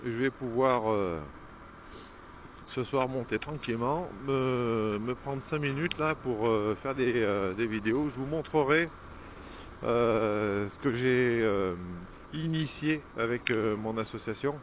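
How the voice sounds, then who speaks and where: A man who works as a crane operator, chatting casually and haltingly from inside a motorbike helmet while out riding. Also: medium pitch, narrow, tinny audio, a little hiss or hum. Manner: chatty, halting, many fillers. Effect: talking inside a motorbike helmet. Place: outdoors on a small motorbike.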